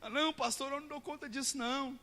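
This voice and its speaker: A preacher voicing a weepy grown man who pleads and pities himself in a high, whining voice. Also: steady tone, fast talker, pushed and bright, exaggerated voice. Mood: pleading. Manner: high whining plea, tearful. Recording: long reverb in a church hall.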